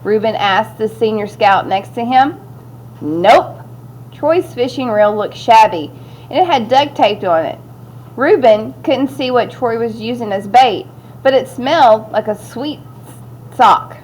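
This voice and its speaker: Slow, expressive woman reading a storybook. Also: a little high, a little hiss or hum. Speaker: storybook narrator. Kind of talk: reading a children's story aloud.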